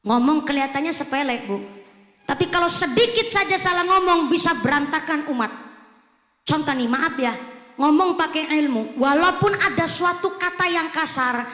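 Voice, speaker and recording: A woman preacher, giving a lively, joking sermon at a mosque gathering. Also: very high voice, normal speed. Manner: lively, joking preaching mixing in local dialect. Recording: echoey hall with long reverb.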